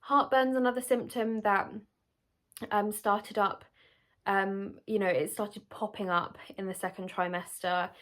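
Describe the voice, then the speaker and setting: A woman's voice: mid-range voice, fairly even intonation, measured pace, a bit bright. A young British woman vlogger talking casually to camera in a candid, explanatory, conversational way. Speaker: vlogger answering pregnancy questions.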